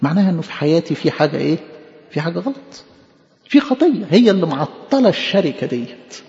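A man's voice: fairly high pitch, expressive, fast, creaky, darkish tone. A man preaching a sermon in an Egyptian Arabic accent, impassioned and pleading, repeating phrases for emphasis. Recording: echoey hall, dull lo-fi sound.

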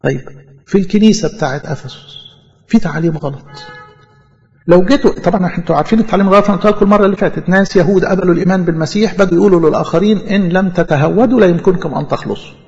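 A man's voice: high voice, rapid-fire, creaky, a little mellow. A man preaching a sermon in Egyptian Arabic, talking conversationally and acting out imagined speakers in church. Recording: muffled audio with long hall reverb.

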